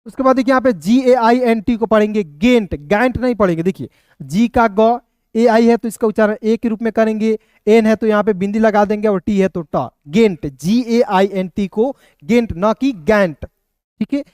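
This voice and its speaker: ऊँची, साफ़ आवाज़ वाला हिंदी लहजे का पुरुष शिक्षक. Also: male voice, high voice, darkish tone, clear, resonant tone, no room sound. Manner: repetitive, addresses viewers as friends, spells out letters slowly. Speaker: English pronunciation teacher. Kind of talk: online video lesson.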